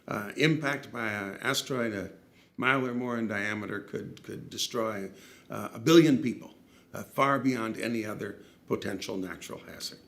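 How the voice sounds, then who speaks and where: Low creaky guy, expert being interviewed, explains things carefully, bit halting. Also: a bit bright.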